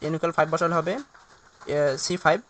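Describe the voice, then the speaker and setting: A man's voice: fairly high pitch, fairly even intonation, normal speed, a little hiss or hum. A man teaching a recorded chemistry lesson, walking through each step and asking and answering his own questions.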